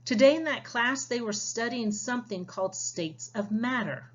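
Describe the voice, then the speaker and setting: Reading a picture book aloud to young children, a woman teacher leads a science lesson, speaking directly to them with instructions and questions to prompt them. Her voice is a little high at normal speed, and the recording has its highs cut off.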